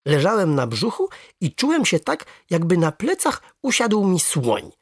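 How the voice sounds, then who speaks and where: Expressive storybook narrator, husky tone, lots of pitch movement, dry studio read. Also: a little slow, no room sound. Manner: lively, expressive first-person narration. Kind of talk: children's story reading.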